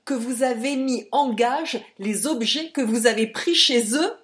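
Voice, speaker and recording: A woman voicing a blustering middle-aged male captain who shouts accusations. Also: mid-range voice, lively intonation, moderate pace, close to an everyday voice. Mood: furious.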